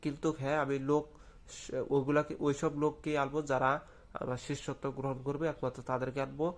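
A man, a folk healer with a cold, explaining rules and then slowly chanting mantra verses. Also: mid-range voice, flat delivery. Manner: slow deliberate chanting of verses. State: feverish with a head cold. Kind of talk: spoken instruction with chanted recitation.

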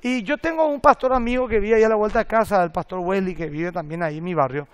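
A middle-aged man, a pastor preaching a sermon and telling lively stories with acted-out quotes and jokes. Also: sits high, fast talker. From Paraguay.

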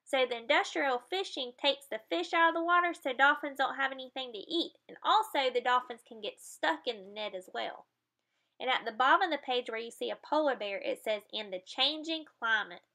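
A woman's voice: high-pitched, fairly quick, pushed and bright. A woman reading a children's picture book aloud, explaining the pictures and adding playful sound effects.

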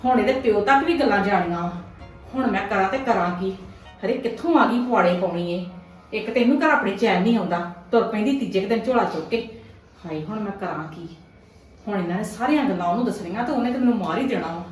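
A woman's voice: very high-pitched, fairly quick, fairly bright tone, soft background music. A woman playing a scheming, aggrieved middle-aged mother in a family skit, complaining and lamenting dramatically like a Punjabi aunty, with a Punjabi accent. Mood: muttering, worried. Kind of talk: amateur family skit acting. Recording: very echoey room, distant microphone.

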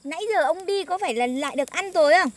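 A woman's voice: high-pitched, lively intonation, very fast. A young woman, acting in a comedy sketch in a bossy, teasing manner. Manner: bossy, teasing, laughing often. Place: outdoors in a field.

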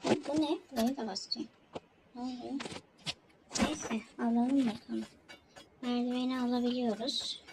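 A woman's voice: a little high, steady tone, measured pace, long pauses, noisy background. A woman doing casual let's-play commentary, talking to herself and the game with jumpy exclamations. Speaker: gamer.

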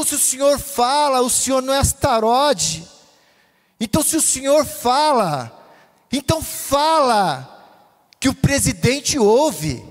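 High-voiced preaching man, fervent. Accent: Brazilian Portuguese. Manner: fervent, chanting cadence. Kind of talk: pentecostal sermon. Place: church hall. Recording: long church reverb.

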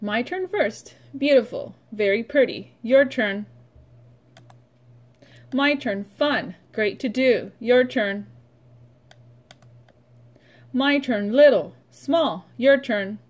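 With a fairly high-pitched voice, a woman who teaches preschool reads to small children and practices words with them, speaking in brief, simple directions and pausing between them.

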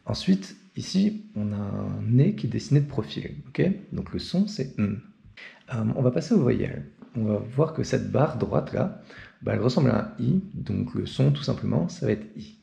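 A man's voice: mid-range voice, gravelly, warm tone. A young man explaining an alphabet in a casual, chatty tutorial and often checking in with the viewer. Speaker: language teacher.

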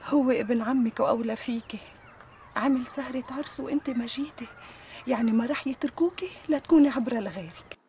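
An actress playing a worried, loving aunt. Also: female voice, fairly high pitch, brisk, darkish tone, a little hiss or hum, natural voice. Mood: anxious. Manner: pleading, anxious. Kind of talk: TV drama acting.

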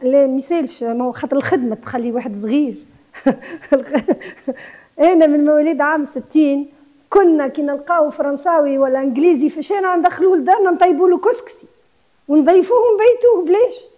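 Tunisian lady in her 60s, guesthouse owner on tv, rattles off fast, slips into french a lot. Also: high voice, warm tone. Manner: passionate, fast, mixes in French words. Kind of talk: TV interview guest.

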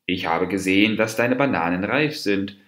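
A man's voice: on the low side, normal speed, fairly bright tone, natural voice. A man voicing a scheming male monkey from a fable, wheedling and mock-friendly in a roomy space. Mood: sly. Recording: roomy echo.

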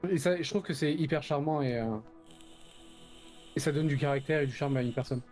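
A man's voice: fairly high pitch, fairly quick, a little mellow, soft background music. A man chatting as a guest co-player on a live stream, teasing and laughing easily. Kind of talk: casual live-stream chat.

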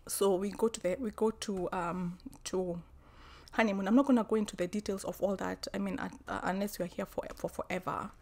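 A woman telling a personal story, halting, with many restarts and fillers, and at times dropping to a soft whisper. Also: medium pitch, fairly even intonation. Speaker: vlogger.

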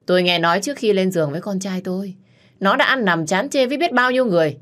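A woman voicing a spiteful, scheming middle-aged mother-in-law who shouts insults. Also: deep voice, moderate pace, slightly rough. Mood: sneering.

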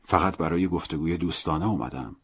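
Prison priest, male, gentle, earnest, soft-spoken, very low voice, audiobook reading, man doing the part. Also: husky. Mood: pleading.

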